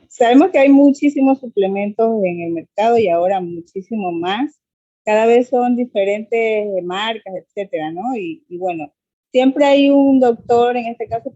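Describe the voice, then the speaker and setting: Ecuatoriana de voz aguda y risueña. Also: female voice, a little high, dark tone, no echo. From Ecuador. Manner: cheerful, giggly. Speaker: caller asking a question. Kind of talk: casual question on a video call. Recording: dull, dry video call audio.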